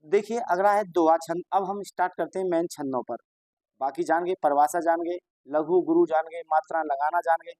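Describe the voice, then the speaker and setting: A man's voice: on the high side, fairly even intonation, moderate pace, darkish tone, dry recording. A male teacher giving an exam-prep lesson, patiently explaining, repeating reminders and asking and answering his own questions.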